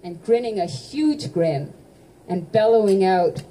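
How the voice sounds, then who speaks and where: Mellow-voiced woman reading her novel. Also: mid-range voice, a little slow, a little hiss or hum, poor audio. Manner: lively, sings out musical notes. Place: bookshop event.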